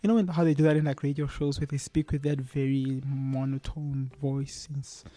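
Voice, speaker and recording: A man's voice: mid-range voice, little pitch movement, normal speed, warm tone, dry recording. A man co-hosting a casual chat show, joking around and slipping into a mock radio announcer voice. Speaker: podcast co-host.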